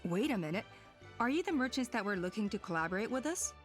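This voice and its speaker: Composed female game elder, acted by a woman, reassuring, mid-pitched, faint background music. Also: sing-song, fast, close to an everyday voice. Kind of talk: scripted game character acting.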